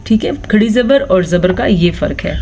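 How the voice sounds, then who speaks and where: A woman's voice: medium pitch, animated, warm tone. Patient woman teaching Quran recitation. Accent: Pakistani Urdu. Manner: patient, explains then drawls out words slowly. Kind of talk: tajweed lesson with slow recited examples.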